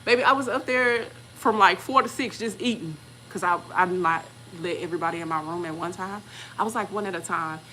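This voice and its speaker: A woman, casually telling a personal story to her viewers and acting out quoted voices with lively pitch jumps. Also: a little fast, slight background noise, rough recording. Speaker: channel host.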